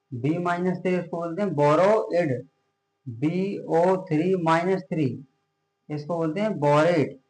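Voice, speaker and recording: A man teaching a science lesson at a board, asking questions and answering them himself, drawing out the key words slowly. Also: on the high side. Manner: repeats question-and-answer drills, slows on key terms. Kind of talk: classroom chemistry lecture at a board. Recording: echoey room.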